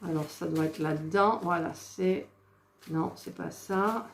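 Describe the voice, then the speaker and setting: A woman narrates her own craft work in a slow, unhurried way, muttering as she searches for missing pieces. Her voice rings in an echoey room with a faint hiss behind it. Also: lowish voice. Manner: talks to herself while searching, exasperated asides. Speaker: crafting vlogger. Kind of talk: casual crafting chatter.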